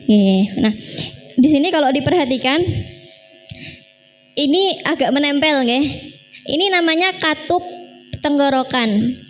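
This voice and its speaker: High-voiced woman teaching Quran recitation. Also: animated, soft background music, poor audio. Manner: patient, demonstrates sounds slowly and corrects students. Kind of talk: live tajwid class.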